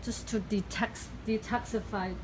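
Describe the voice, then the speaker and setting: A woman with talks through a hands-on treatment as the practitioner. She is instructive but halting, pausing to find her words. There is clear noise behind her in the room. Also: medium pitch, fairly even intonation. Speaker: acupuncturist giving a cupping treatment. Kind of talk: explaining a treatment in casual talk. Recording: clearly noisy room recording.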